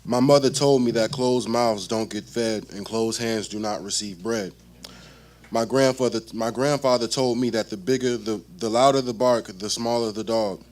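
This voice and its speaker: Man, sincere, quote by quote, stage monologue. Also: mid-range voice.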